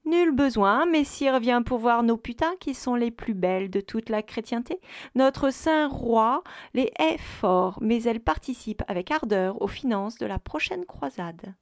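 A woman's voice: on the high side, animated, unhurried, no echo, studio quality. A woman voicing a talkative, deferential medieval innkeeper in a storybook reading. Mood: obsequious. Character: chatty, fawning medieval male innkeeper.

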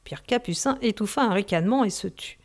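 A woman narrating a novel in a measured, expressive reading. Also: medium pitch. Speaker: audiobook narrator.

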